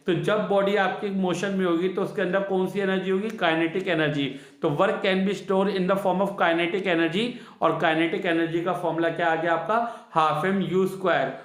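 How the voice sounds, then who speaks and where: A man's voice: high voice, a bit bright, roomy sound. A male science teacher giving a classroom physics lesson, asking the students questions and repeating each key answer twice, with on the terms.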